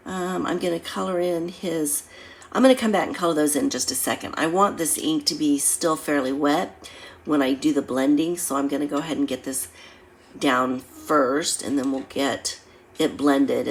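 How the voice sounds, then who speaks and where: A low-pitched woman teaches a craft class in a casual, step-by-step way. Her voice is congested and nasal, as if her nose is blocked by a cold. There is some background noise on the recording. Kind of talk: casual demonstration, talking through each step.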